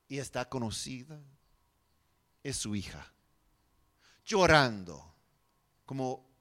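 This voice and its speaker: Slow, high-voiced male preacher. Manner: dramatic preaching with swings from hushed to loud; slow deliberate pauses. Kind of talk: sermon.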